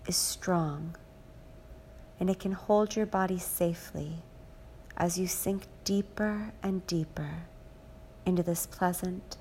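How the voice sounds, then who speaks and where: A woman with a fairly low voice reads a guided hypnosis relaxation script, slow, soothing and repetitive, occasionally slipping into soft whispers. There is slight background noise.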